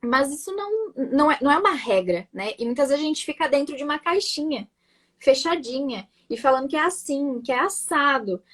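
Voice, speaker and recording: A high-pitched woman speaking with a blended southern Brazilian accent, somewhere between gaúcho and Florianópolis. She talks freely and at length in a casual interview, repeating words and tagging her points with little checks to the listener. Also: expressive, fairly quick, fairly bright tone. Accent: mixed southern Brazilian, gaúcho and Florianópolis. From Rio Grande do Sul, Brazil. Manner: talkative, repeats words, frequent "né?" and "sabe?". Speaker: guest, nurse marketing creator.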